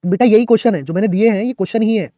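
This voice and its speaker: A man teaching a live online class, talking fast and chatty, joking while he scolds his students. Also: high-pitched, dark tone, no echo, muffled recording.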